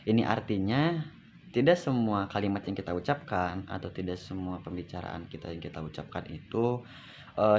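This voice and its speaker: Low-voiced man explaining a lesson. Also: slight background noise. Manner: conversational explaining with frequent fillers. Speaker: student presenter. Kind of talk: explaining in a class presentation.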